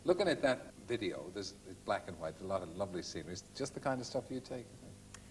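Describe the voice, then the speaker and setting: A man's voice: on the low side, lively intonation, fast, a little hiss or hum. A man hosting a TV chat show, teasing his guests playfully. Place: TV studio. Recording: 1980s broadcast, some hall reverb.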